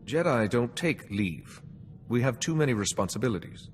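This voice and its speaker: An actor playing a calm, wise and dutiful Jedi in a video game, speaking formally and with measured care. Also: male voice, medium pitch, soft background music, natural voice. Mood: composed, polite. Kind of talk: video game cutscene dialogue.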